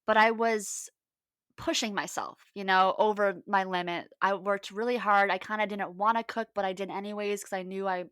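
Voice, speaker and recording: A woman chats on a podcast in an animated storytelling way, acting out the lines of the people in her stories. Her voice sits at a middle pitch for a woman. The sound is close and dry, with no room echo. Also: moderate pace, clean tone. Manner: lively storytelling, acts out quoted lines. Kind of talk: casual podcast chat.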